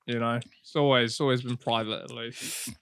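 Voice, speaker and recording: A man's voice: medium pitch, little pitch movement, fairly bright tone, a little hiss or hum. A man co-hosting a crude comedy podcast, joking and laughing freely. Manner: bawdy, quick to laugh, jokey. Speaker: podcast co-host.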